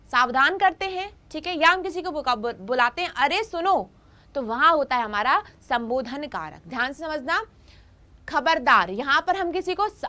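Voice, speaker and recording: High bright-voiced woman teaching. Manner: repeats points and keeps checking in with students. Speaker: Hindi grammar teacher. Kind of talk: online class lesson.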